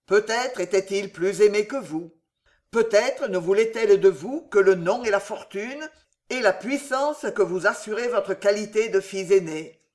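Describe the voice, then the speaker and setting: A man's voice: high-pitched, lively intonation, unhurried. A man voicing a sneering, spiteful younger brother. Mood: insinuating. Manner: mocking, hissing, falsely deferential.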